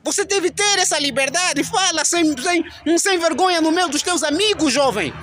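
A man's voice: very high-pitched, moderate pace, sharp tone, a little hiss or hum. A young Angolan man with an Angolan Portuguese accent, giving an impassioned, exhorting monologue, repeating his points. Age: young adult. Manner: preachy, repetitive, exhorting. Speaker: commentator.

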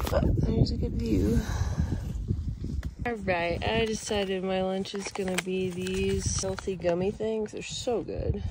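A woman's voice: mid-range voice, heavy background noise. A woman vlogging casually while hiking up a mountain trail, upbeat and chatty, out of breath from the climb. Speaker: thru-hiker vlogger.

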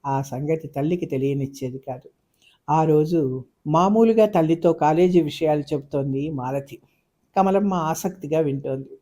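A man narrating a novel aloud in a measured, expressive storytelling manner. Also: a little high.

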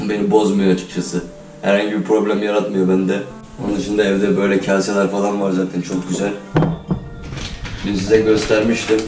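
A young man with a cold, whose voice sounds flat and robot-like, chatting casually to his viewers while he makes breakfast in a kitchen. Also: fairly low pitch, a little hiss or hum. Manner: chatty, keeps calling viewers "friends". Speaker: vlogger. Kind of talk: casual talking-to-camera vlog. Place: kitchen of a holiday home. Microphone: camera on a tripod a few steps away. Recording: roomy, distant camera mic, faint music.

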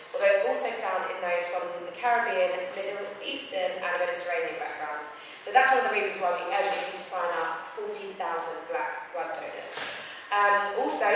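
A woman with a fairly low, slightly bright voice moderates a panel in a large hall with an audience, chatting and reading out statistics. A far-off room camera picks her up, so the sound is noisy and echoey.

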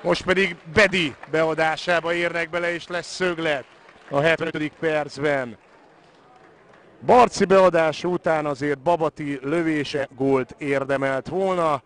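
A man's voice: fairly high pitch, fairly bright tone. A man giving live football commentary, moving between naming the play and analysing the match.

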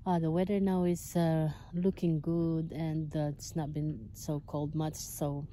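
A woman's voice: low voice, flat delivery, measured pace. A woman in her forties making a casual fishing vlog outdoors, talking in a chatty way with many fillers into a phone held at arm's length. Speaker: vlogger. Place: outdoors by a canal. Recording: loud outdoor noise.

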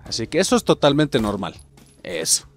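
A young man with a Mexican Spanish accent, commenting on his own gameplay with excitable, profane jokes aimed at his viewers. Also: medium pitch, normal speed, faint music behind. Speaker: gaming channel host.

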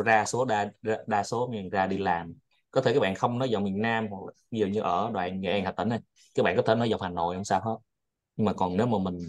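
A man hosting a study group, chatting casually and rambling, often repeating his words. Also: on the low side.

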